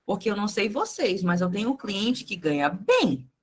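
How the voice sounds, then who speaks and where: A woman's voice: medium pitch, very animated, normal speed, slightly rough. Female sales trainer, young adult, conversational lecture, engages audience often. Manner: chatty, addresses the group directly with frequent tag questions. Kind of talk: live sales training talk.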